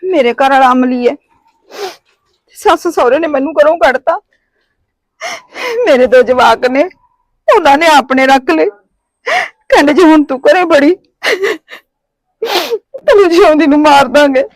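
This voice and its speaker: A woman plays a desperate village wife cast out by her in-laws, weeping as she begs for a roof and two meals a day. Her voice sits high and tearful. The recording is close and dry. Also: moderate pace, no echo, lightly acted. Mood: tearful pleading. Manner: pleading, tearful. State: crying. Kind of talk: amateur short-film acting.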